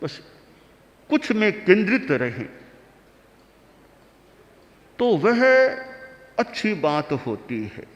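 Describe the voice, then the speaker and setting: A man giving a slow religious discourse, teaching pronunciation and chanting mantras softly. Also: sits high, very animated. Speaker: Jain monk preacher. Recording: long hall reverb.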